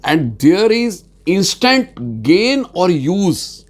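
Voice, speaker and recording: A man from Bihar, India, speaks Hindi-accented Indian English in a high voice with big pitch swings. He's giving an insurance training presentation slowly and hesitantly, full of "uh" fillers, and his voice rises to stress key points.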